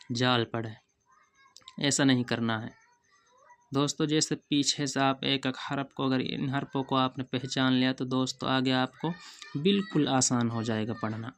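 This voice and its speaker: A woman teaching a Quran reading lesson, stretching every letter name long and explaining the differences with patient care. Her voice sits very low and stays nearly flat. Her tone is smooth and clear. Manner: drawn-out letter names, often addresses viewers as friends. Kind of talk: slow letter-by-letter recitation lesson.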